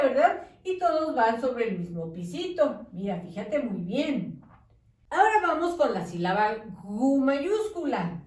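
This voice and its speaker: A woman teacher giving a patient lesson to young children, dictating words slowly syllable by syllable and checking in with questions. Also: on the high side, a little mellow. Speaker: primary school teacher. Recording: echoey room, distant mic.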